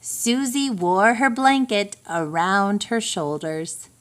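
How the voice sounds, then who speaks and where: Pitched in the middle range, this female storybook reader performs a picture book for small children with deliberate, expressive delivery.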